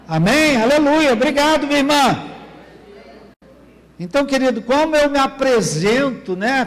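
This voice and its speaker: A man preaching a sermon as pastor, often asking the congregation for an amen. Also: extremely high pitch. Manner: asks the congregation "Amém, querido?" often. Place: church. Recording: long church reverb.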